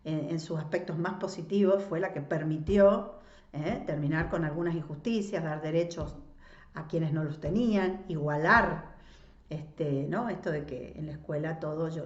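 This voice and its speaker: Woman, 60s, lower voice, reads and explains literature, echoey muffled recording. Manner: measured, explanatory, rhetorical tags. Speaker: literature reader and teacher. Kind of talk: novel read aloud with commentary.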